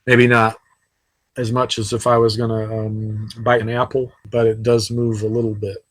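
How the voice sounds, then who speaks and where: A man's voice: fairly low pitch, level tone, normal speed, dry recording, low-quality recording. A man teaching anatomy in a casual, chatty recorded lecture over slides, with frequent fillers. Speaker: anatomy instructor. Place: sitting while recording.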